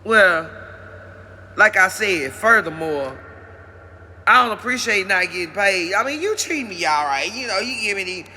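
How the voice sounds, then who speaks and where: A man's voice: high voice, animated, measured pace, pushed and bright, slight background noise, heavily acted. A man voicing an indignant male service dog who complains at length that he is not paid. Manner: aggrieved, complaining, long-winded.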